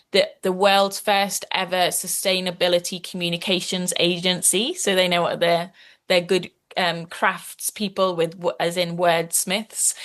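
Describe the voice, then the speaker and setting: A woman with a Scouse accent and a slightly bright, low-leaning voice is a guest on a podcast interview. An activist and author, she explains things at length and earnestly, often restarting her sentences.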